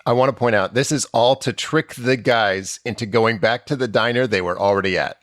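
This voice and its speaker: A man's voice: mid-range voice, brisk, a bit bright, dry recording, studio quality. A man co-hosting a podcast, riffing sarcastically in casual comedic banter. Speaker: podcast co-host.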